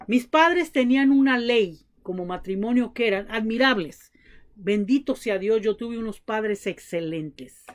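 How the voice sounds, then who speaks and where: Woman preacher, high voice, tells lively family stories in her sermon. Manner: addresses the congregation as brothers, acts out family dialogue.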